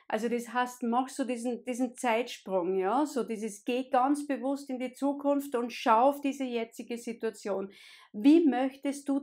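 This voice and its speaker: A woman's voice: on the high side, darkish tone. A woman hosting a solo coaching podcast, explaining step by step and speaking directly to the listener. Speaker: podcast host and life coach.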